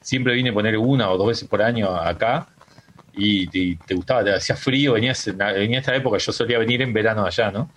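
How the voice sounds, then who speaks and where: Talking quickly in a lowish, somewhat bright voice, a middle-aged man with a Uruguayan accent rambles through a casual radio interview, often starting over. He is on a remote call using a home microphone, with slight background noise.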